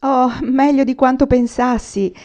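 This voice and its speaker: A woman reading the part of an earnest, studious teenage girl, slightly higher and reassuring. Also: fairly even intonation, unhurried, a little mellow. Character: earnest young teen girl, studious and hopeful.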